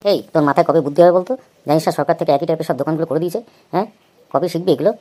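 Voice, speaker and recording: Bossy cartoon boy, very fast, lowish voice, dismissive. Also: fairly even intonation, mellow. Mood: scornful. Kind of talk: cartoon comedy voice acting.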